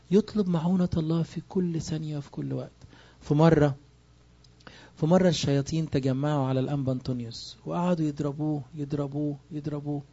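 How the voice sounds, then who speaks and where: A man's voice: a little high, warm tone, muffled recording. A man with an Egyptian Arabic accent preaching a sermon, emphatic and full of rhetorical questions. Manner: emphatic, asks rhetorical questions and answers them.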